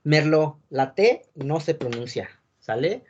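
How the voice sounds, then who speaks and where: A man's voice: fairly high pitch, lively intonation, measured pace, a little hiss or hum. Man, online wine teacher, explanatory, frequent check-in questions, lo-fi muffled call audio. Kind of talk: online class lecture.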